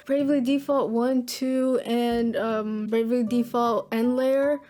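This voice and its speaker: A woman's voice: on the high side, steady tone, measured pace, mellow. An upbeat woman, chatting casually through a Q&A vlog as a gaming YouTuber, with a slangy style. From Florida, USA. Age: 20s. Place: at home at her computer.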